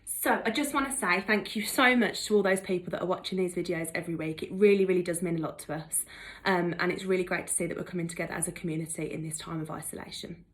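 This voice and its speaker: Young female drama teacher, encouraging, clear step-by-step explainer, online lesson. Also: on the low side, steady tone, fast talker.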